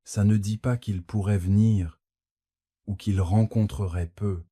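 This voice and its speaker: A man with a very low, dark voice preaches a fervent sermon, taking his time over every phrase. His tone is husky, and the sound is dry and close, with no room around it. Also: fairly even intonation, unhurried, no echo. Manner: fervent preaching, addresses the listener directly with exclamations of praise. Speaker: pastor.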